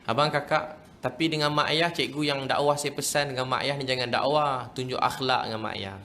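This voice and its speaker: A man's voice: medium pitch, steady tone, fairly quick, bright, forceful tone, slight background noise. A man with a Malaysian Malay accent preaching a storytelling sermon, emotional and acting out the voices in his story while speaking straight to his audience. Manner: emotional, acts out quoted voices, addresses audience directly.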